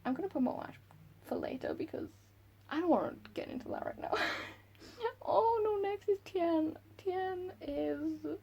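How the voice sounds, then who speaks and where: Sitting in a room at home by the window, a young woman with a Welsh accent vlogs about books in a casual, giggly, self-deprecating way. Her very high-pitched voice is creaky and mellow, at a measured pace, and the audio is dull.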